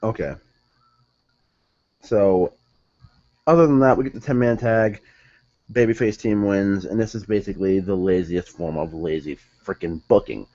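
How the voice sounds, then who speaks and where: Young man, low and mellow voice, rambling casual review, self-correcting, slightly muffled lo-fi sound. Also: normal speed, pauses often. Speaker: wrestling show reviewer. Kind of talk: casual solo review commentary.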